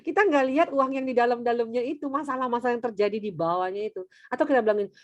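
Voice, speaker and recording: A middle-aged woman counselor on a talk show, chatting in a lively way and acting out quoted voices. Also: fairly high pitch, racing, no room sound, dull audio. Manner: chatty, lively, acts out quoted voices, frequent filler tags. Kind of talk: casual talk-show teaching.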